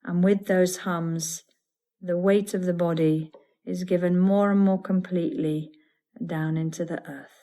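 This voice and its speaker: Speaking in calm, unhurried phrases punctuated by pauses, a woman leads a yoga nidra session as its teacher. She has a fairly low, dark voice and keeps her tone steady.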